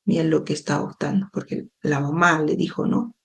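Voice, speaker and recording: A woman hosting a live book club, reading a book aloud and pausing for frequent explanatory asides to her listeners. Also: low-pitched, flat delivery. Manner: reads slowly, adds frequent explanatory asides. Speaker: educator and book club host. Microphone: phone or webcam livestream.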